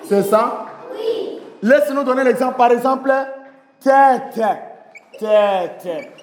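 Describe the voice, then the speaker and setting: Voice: mid-range voice, takes it slowly. A primary school teacher from Rwanda, leading a French lesson with repetitive drilling and call-and-response, praising pupils. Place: large indoor classroom. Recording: echoey classroom hall, background noise.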